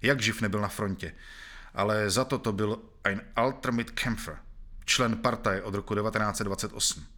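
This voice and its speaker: A man narrating a novel in the first person, reading in a measured, grave manner. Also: on the low side, fairly even intonation, sharp tone.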